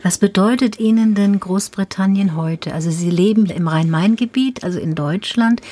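A woman's voice: medium pitch, normal speed, warm tone. A woman hosting a radio interview, asking formal, polite questions. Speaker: radio host.

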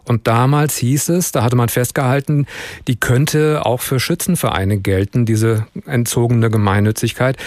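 Ein Mann moderiert eine Nachrichtensendung im Radio und stellt Interviewfragen. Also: male voice, medium pitch, darkish tone, no echo. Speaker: radio news host and interviewer.

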